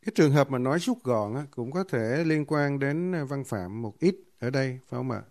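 Polite male host, mid-pitched. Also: expressive, a little fast, a little mellow. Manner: polite, deferential questions. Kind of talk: interview host asking questions.

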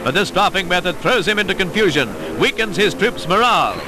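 A man giving a brisk, upbeat 1950s-style commentary, played from an old newsreel. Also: high-pitched, lively intonation, very noisy. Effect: old newsreel narration. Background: loud music bed.

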